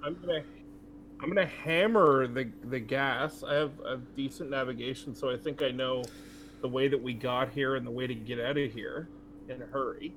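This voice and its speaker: A man's voice: medium pitch, normal speed, fairly bright tone, slight background noise. A man playing a tabletop game, talking casually with some hesitation. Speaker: player.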